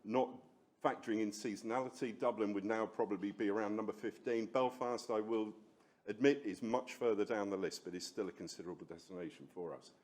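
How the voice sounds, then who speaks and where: A man giving a business presentation at a conference, speaking in a measured way as he wraps up. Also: lowish voice, darkish tone.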